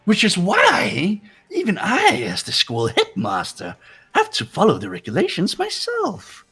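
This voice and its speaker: A man performs a full character voice for a robot bear headmaster in a fan-dubbed visual novel game, pitched above his own voice: high, bright, forceful and slightly rough. He speaks a little slowly, his pitch swooping wildly in sing-song teasing. The character comes off smug, gleefully menacing and mocking, in a theatrical performance.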